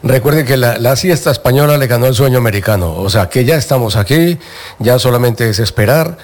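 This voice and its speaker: A man's voice: medium pitch, fairly quick. A man hosting a radio show in an effusive, upbeat way, chatting with listeners and a guest. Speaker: radio host. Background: music.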